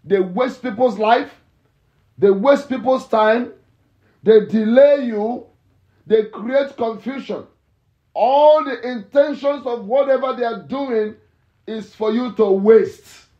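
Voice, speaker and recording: A male pastor preaching a fervent morning sermon and prayer, repeating phrases and breaking into shouts. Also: extremely high pitch, takes it slowly. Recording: echoey, dull lo-fi church recording.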